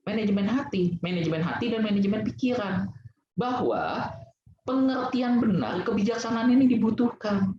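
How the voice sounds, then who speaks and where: A man's voice: high-pitched, animated, moderate pace, a crowd in the background. Chatty man preaching in an echoey hall. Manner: chatty, conversational, laughs at his own jokes. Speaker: Buddhist Dhamma speaker. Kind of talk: casual Buddhist Sunday sermon. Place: temple hall. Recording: very echoey, dull lo-fi hall recording.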